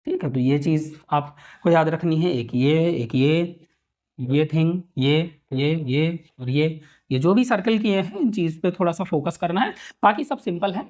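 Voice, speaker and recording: A man teaching pronunciation, repeating words slowly and checking that students follow. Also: a little high, a little mellow. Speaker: English teacher. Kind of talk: Hindi-English spoken lesson.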